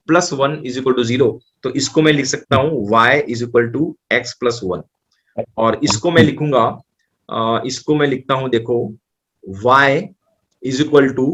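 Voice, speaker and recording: A man's voice: mid-range voice, a bit bright. A man with an Indian accent working through maths problems as a tutor, thinking aloud as he writes and breezily reassuring the student.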